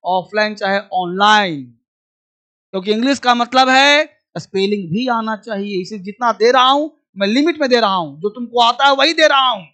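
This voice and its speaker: A man's voice: high-pitched, expressive, normal speed, pushed and bright. A man teaching an English lesson in a classroom style, drilling words aloud and repeating them with a commanding manner.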